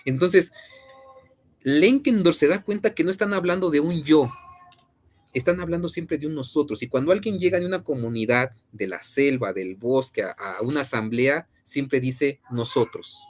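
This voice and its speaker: A man's voice: a little high, moderate pace. A man with a Mexican accent teaching an online class, conversational and full of fillers and question tags.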